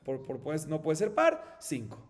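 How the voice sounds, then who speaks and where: Colombian Spanish male rabbi, higher voice, explains step by step with rhetorical questions; reverberant hall sound. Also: huge pitch swings, unhurried. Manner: explains step by step, asks and answers his own questions. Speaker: rabbi teaching Talmud. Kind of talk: Talmud class.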